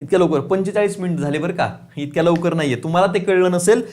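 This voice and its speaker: Man, high voice, online lecture, teacher, rhetorical questions, repeats key points. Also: quick pace, a little mellow. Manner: asks questions and answers them himself; repeats key points, says "lakshat theva". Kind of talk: online exam-prep lecture.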